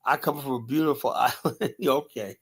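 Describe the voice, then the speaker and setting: A US man hosting a live stream argues his case with blunt profanity and plenty of "you know" fillers. His mid-range voice moves at normal speed and is a bit bright and slightly rough.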